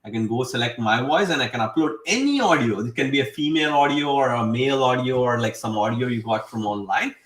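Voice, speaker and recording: Guy walking through software, rambly and excited, lots of "like", sits back from the mic, echoey room. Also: medium pitch, recorded from a distance. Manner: rambling, filler-heavy, enthusiastic. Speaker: host demonstrating software. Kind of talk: casual screen-share tutorial. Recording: roomy sound, away from mic.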